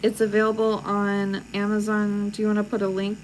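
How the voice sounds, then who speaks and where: A woman's voice: medium pitch, completely flat delivery, fairly quick, a little hiss or hum, poor audio. Frank, opinionated woman tattoo artist. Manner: frank, opinionated, laughs easily. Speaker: tattoo artist and channel host. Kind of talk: casual livestream chat while tattooing.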